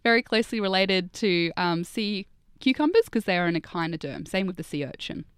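Smooth-voiced, enthusiastic young woman explaining casually. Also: mid-range voice, expressive, fairly quick, no echo, clean studio sound. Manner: informal, enthusiastic. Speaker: guest researcher, PhD candidate. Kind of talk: casual interview chat, explaining.

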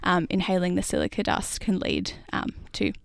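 A woman's voice: fairly low pitch, huge pitch swings, moderate pace, vocal fry, no echo, studio quality. A young woman researcher being interviewed, explaining things informally in plain words. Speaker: PhD researcher, interview guest.

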